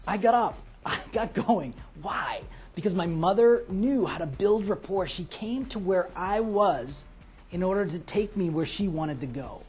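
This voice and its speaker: A man hosting a motivational lesson, telling a story with lively, dramatic delivery. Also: sits high, a little slow, faint music behind. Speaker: motivational host.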